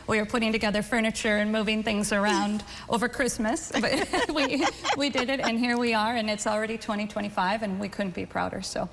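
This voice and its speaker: A woman's voice: mid-range voice, level tone, brisk, hardly any pauses, a bit bright. A woman leading a medical school, answering interview questions in an upbeat, proud way with light laughs. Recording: roomy hall echo, faint background noise.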